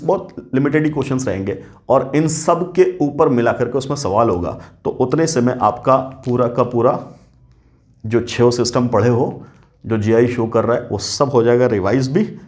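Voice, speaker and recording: A man's voice: mid-range voice, normal speed, darkish tone. Man teaching chemistry at a board. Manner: asks questions and answers them himself; mixes English phrases into the lesson. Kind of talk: board lecture.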